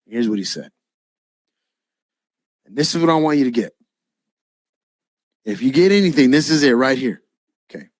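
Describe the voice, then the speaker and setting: A man preaching his own testimony as a lively storyteller, acting out the dialogue and dropping a casual "man" now and then. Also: medium pitch, moderate pace, pauses often, dry recording, clean studio sound. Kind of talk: spoken personal testimony.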